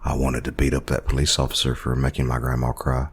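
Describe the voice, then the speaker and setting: A man telling a horror story in a slow, brooding narration. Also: very deep voice, completely flat delivery, husky.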